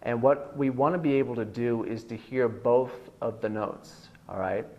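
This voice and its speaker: At a normal speed, a man with a bass-baritone voice teaches guitar in a web video, his relaxed explanation drifting along with plenty of fillers; the highs are cut off.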